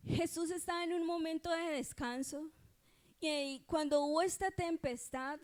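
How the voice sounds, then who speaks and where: A woman's voice: very high-pitched, normal speed. A woman with a Colombian accent telling a personal testimony in a church sermon, in a conversational, earnest manner that keeps checking in with listeners. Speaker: church speaker giving testimony.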